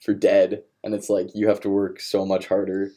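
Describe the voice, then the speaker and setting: Young man with a low, dark voice. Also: moderate pace. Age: young adult. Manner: relaxed, rambling with "um" and "like". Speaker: student-athlete. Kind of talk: casual podcast chat.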